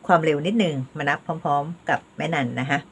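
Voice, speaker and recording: An older woman teaching a language lesson, patiently leading slow counting drills. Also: low-pitched, steady tone, a little hiss or hum. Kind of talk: home video language lesson.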